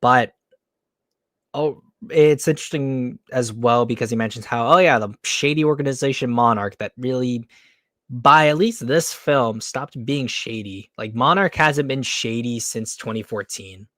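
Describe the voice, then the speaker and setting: A man's voice: mid-range voice, a little slow, a bit bright, no room sound, clean studio sound. A man hosting a casual streamed podcast, rambling and talking in fillers and restarts. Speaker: podcast host.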